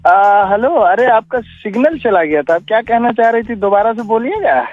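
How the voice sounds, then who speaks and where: A woman's voice: a little high, normal speed, faint music behind. Eager woman on a muffled call. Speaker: call recipient.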